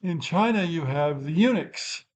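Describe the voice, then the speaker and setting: An older channel host gives an unscripted, rambling explanation, pausing to correct himself in thoughtful asides. His voice is on the high side, animated, and a little slow, and the recording is rough.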